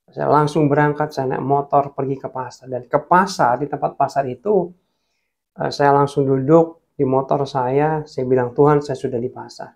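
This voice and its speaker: Earnest gravelly male preacher. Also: medium pitch. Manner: earnest, addresses listeners as guys, drops to hushed tones. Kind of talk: sermon with personal testimony.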